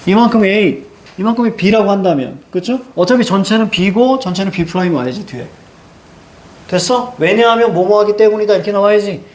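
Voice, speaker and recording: In a classroom with a blackboard, a Korean reading teacher lectures his students. His voice is high-pitched with lively intonation at a normal speed, and he drills the class with rhetorical questions and short, emphatic commands.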